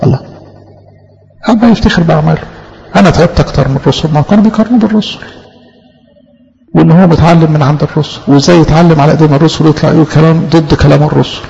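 A man's voice: on the high side, steady tone, racing, vocal fry, long pauses, darkish tone, big-room sound, muffled recording, slight background noise. A man with an Egyptian accent preaching a sermon, impassioned, asking rhetorical questions and voicing the people he quotes. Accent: Egyptian Arabic.

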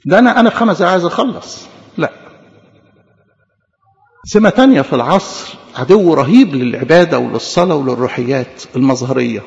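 An Egyptian man preaches a sermon in a high, gravelly voice at a quick clip, acting out little back-and-forth exchanges and hammering words by repeating them. The sound is dull and lo-fi, carrying the long echo of a church hall. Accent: Egyptian Arabic. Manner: animated, acts out quick imagined dialogues, repeats words for emphasis. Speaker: priest.

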